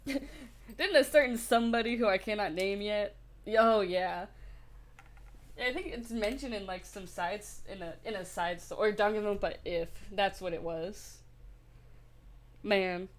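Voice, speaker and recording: A woman's voice: mid-range voice, measured pace, pauses often. A young woman streaming a game, chatting casually, laughing often and swearing freely.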